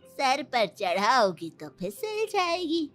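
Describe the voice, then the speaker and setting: A wise old woman played by a woman in a cartoon story, speaking slowly and deliberately. Her voice is fairly high and lively in pitch, with faint music underneath. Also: exaggerated voice. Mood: advising. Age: older. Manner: measured, advising. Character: wise slow-spoken old woman giving advice.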